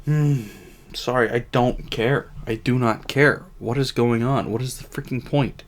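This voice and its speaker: A tipsy reviewer giving casual comedic commentary on a cartoon, rambling in a drawn-out, exasperated, sarcastic way with mild swearing. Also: medium pitch. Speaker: video reviewer.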